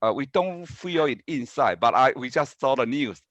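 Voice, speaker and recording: Taiwanese-accented man, halting and very animated. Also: mid-range voice, no echo. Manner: halting, repeats words. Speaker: university professor, panel speaker. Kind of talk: conference panel remarks. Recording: dull, dry video-call audio.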